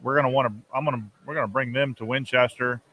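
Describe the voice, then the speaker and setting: A man's voice: mid-range voice, steady tone, quick pace, highs cut off. A man in his forties chatting casually as a fishing show co-host at an event, phrasing things hesitantly in small pieces. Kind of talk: casual live-stream chat at an event. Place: booth in a large expo hall. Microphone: close podcast microphone.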